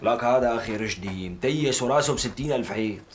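A man's voice: mid-range voice, fast, a little hiss or hum, natural voice. An actor playing a worried Damascene man pleading with his cousin in a TV period drama. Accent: Damascene Arabic. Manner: anxious, pleading.

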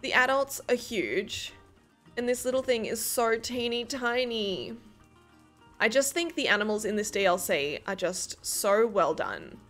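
A young woman giving casual gameplay commentary, gushing excitedly over cute animals and laughing often. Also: fairly high pitch, measured pace, faint music behind. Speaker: game streamer.

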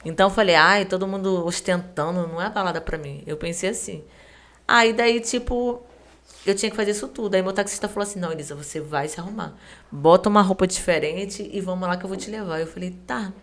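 A woman's voice: lowish voice, quick pace, a bit bright. A woman guest on a podcast, casually telling a story in a chatty, slangy way and acting out the quoted dialogue. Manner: heavy slang and fillers.

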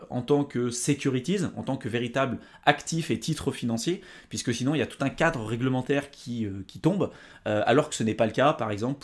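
Hesitant French man explaining on screen. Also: mid-range voice. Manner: hesitant, many fillers and restarts, reads out on-screen text. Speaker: host. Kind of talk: screen-recorded tutorial commentary.

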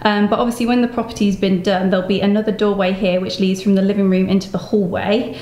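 A thirty-something English woman vlogs with gushing enthusiasm, though her mid-range, darkish voice comes across with flat delivery at a fast pace. She chats casually while touring a room at home, a car, and a brick barn and yard. The recording has echo and noticeable background noise.

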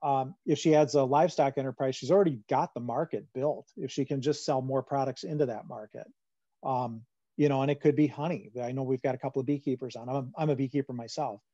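A Midwestern farm finance presenter answers audience questions in a webinar from a home room over a video call. His mid-range voice is mellow, dark and steady, moving at a quick pace, and he speaks loosely with plenty of fillers and restarts. The computer microphone gives dry, close, dull lo-fi sound with no room noise.

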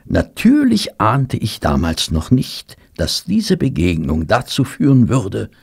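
An actor playing Dr Watson, a weary, rueful army doctor back from war, narrating and talking in a radio play. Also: male voice, lowish voice, wildly swooping pitch, slow, creaky, breathy edge, full character voice. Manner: rueful, weary, warmly polite. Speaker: narrator and character. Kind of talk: German radio play acting. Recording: restaurant crowd murmur behind. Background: restaurant chatter.

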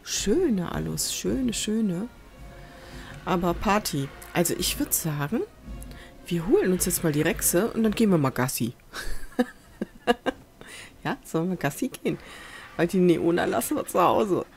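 A woman's voice: on the low side, sing-song, a little slow, gravelly, long pauses, darkish tone, soft background music. A woman giving casual let's play commentary, chatting to viewers and muttering to the animals she tames, on a USB desk microphone at home. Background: faint festival noise from outside.

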